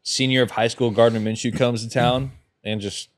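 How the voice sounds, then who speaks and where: A man's voice: medium pitch, steady tone, normal speed, no room sound. A man in his twenties with an American accent, chatting casually about sports in frat-bro slang. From Florida and Georgia, USA. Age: 20s. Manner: frat-bro slang, full of dude, bro and sick. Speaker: podcast guest, sports videographer.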